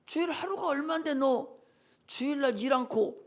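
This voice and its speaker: A man's voice: very high-pitched, normal speed. A male preacher voicing a sly tempting devil who taunts and coaxes his listener, calling him a fool. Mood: mocking, coaxing.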